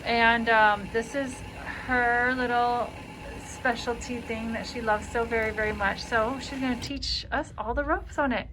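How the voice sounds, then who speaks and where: A woman's voice: a little high, measured pace, noisy background. Bubbly woman co-hosting a sewing show. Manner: bubbly, animated storytelling with laughs. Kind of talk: casual chat.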